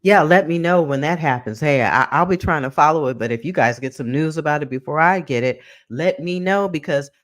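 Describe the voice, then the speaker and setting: A man's voice: on the high side, expressive, fairly quick, hardly any pauses, a bit bright, no room sound, studio quality. A man from San Francisco hosting a live news broadcast in an earnest, conversational way, talking into a livestream headset mic. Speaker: news show host.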